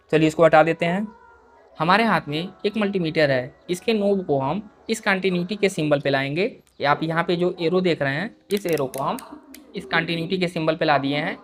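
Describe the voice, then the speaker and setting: A man's voice: fairly high pitch, fairly bright tone. A man hosting a repair tutorial, explaining each step patiently as he works and often calling his viewers dear friends. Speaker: repair video host.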